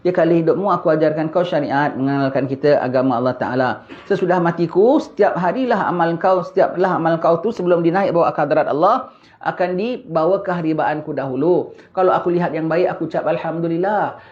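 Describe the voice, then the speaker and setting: A man from Singapore, a religious teacher giving an earnest, expressive lecture. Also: on the high side. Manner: earnest, expressive preaching with acted-out asides. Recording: dull lo-fi recording.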